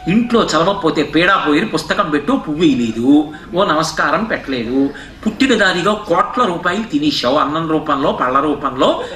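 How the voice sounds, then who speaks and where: A man delivers a spiritual discourse in a high voice, pressing rhetorical questions and slowing down to chant classical verses. He is heard from a distance in an echoey hall. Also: fairly bright tone, slight background noise. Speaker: religious discourse speaker.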